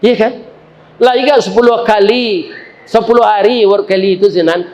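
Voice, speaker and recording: A male preacher with a Minangkabau accent and a fairly high voice. He talks in a lively way and jokes with the congregation as he tells a sermon story. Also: moderate pace, dull audio. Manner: lively, joking with the congregation, then dramatic storytelling.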